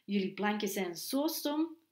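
A woman's voice: mid-range voice, expressive, unhurried, natural voice. A woman voicing a scornful, sarcastic teenage girl in a storybook reading. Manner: snapping, sarcastic. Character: scornful teenage girl, sharp-tongued and mocking.

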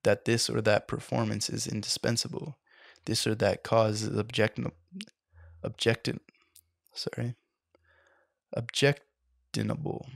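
Lecturer reading text aloud; deep, gravelly, flat delivery, trips over words and self-corrects; dry close sound. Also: male voice, moderate pace, no room sound. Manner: stumbles and corrects himself, apologizes mid-reading. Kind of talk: unscripted reading of a book passage.

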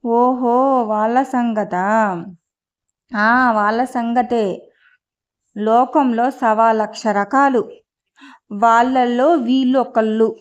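A woman voicing a relaxed, teasing husband in a storybook reading. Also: a little high, very slow, long pauses. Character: easygoing husband Ramakrishna, teasing and amused.

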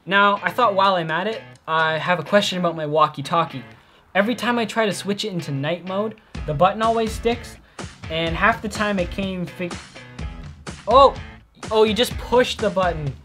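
A teenage actor playing a petty, easily sidetracked apocalypse survivor who rambles and keeps apologizing in a comedic short film. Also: male voice, high-pitched, moderate pace, pushed and bright, soft background music. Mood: rambling. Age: teens. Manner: rambling, self-interrupting, apologetic asides. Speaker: survivor recording a video message.

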